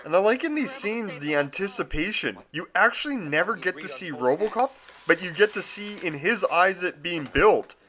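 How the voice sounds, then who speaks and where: Excitable high-voiced man reviewing a movie. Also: normal speed, hardly any pauses. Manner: profane, excitable and gushing.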